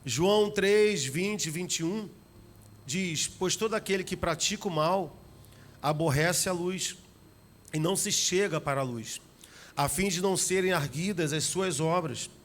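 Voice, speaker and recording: A middle-aged man with a Rio de Janeiro Brazilian accent preaching a sermon as pastor, animated, acting out little family scenes. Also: high voice, a little slow. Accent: Brazilian Portuguese, Rio de Janeiro.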